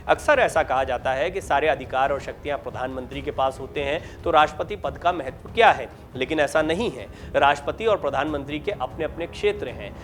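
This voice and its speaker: Man reading a formal news voice-over. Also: a little high. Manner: steady, formal explanatory read. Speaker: news narrator. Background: faint background music.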